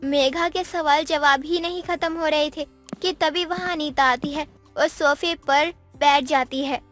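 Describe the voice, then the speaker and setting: Woman narrating a kids moral story, high voice, faint music underneath. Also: fairly even intonation, a little slow, a bit bright.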